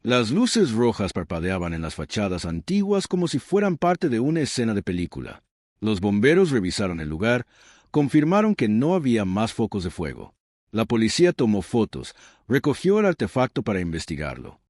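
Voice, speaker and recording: A man's voice: fairly low pitch, wildly swooping pitch, normal speed, a little mellow, no room sound, clean studio sound. A man reading a dramatic story as narrator, with suspenseful delivery.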